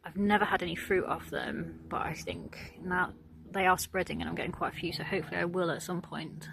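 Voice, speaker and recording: A woman chatting casually as she walks around her garden, relaxed and full of ums. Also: on the low side, fairly quick, gravelly, noisy background. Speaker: gardening vlogger. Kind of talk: casual garden tour narration. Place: outdoors in a garden.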